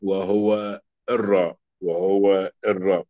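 A man with an Egyptian Arabic accent teaching a grammar lesson, slowly repeating example words to drill them. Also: deep voice, flat delivery. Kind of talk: classroom lesson. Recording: dull lo-fi recording.

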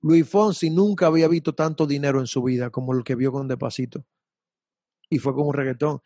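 A man's voice: medium pitch, steady tone, a little fast, warm tone, no room sound. A young man, a salsa singer talking casually and animatedly in an interview, full of slang and repeats. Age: young adult.

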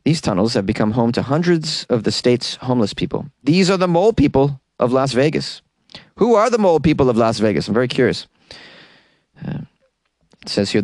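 A man's voice: medium pitch, darkish tone, no echo. Guy podcast host, wry mock-serious, rambling thru weird news, super dry close sound. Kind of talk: casual comedic storytelling, reading out odd news.

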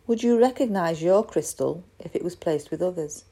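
A woman guiding a crystal meditation in a slow, soft, soothing way. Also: fairly low pitch, animated, creaky, husky. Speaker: meditation guide.

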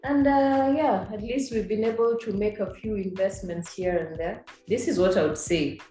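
Woman, Kenyan accent, casual interview guest, mid-pitched voice, echoey room, faint music behind. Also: moderate pace, mellow.

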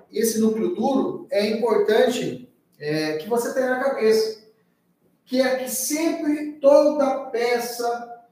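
A law teacher with a high-pitched, darkish voice runs a live online exam-prep class in a chatty, informal style, often ending sentences with a questioning "tá?". He sounds far from the mic in a very echoey room.

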